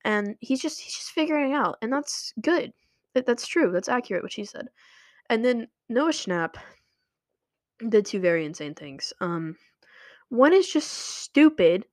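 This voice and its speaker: A woman's voice: fairly high pitch, dry recording, clean studio sound. A young woman chatting casually to her viewers, rambling with lots of filler words. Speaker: vlogger. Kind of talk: casual commentary. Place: home room with running water nearby.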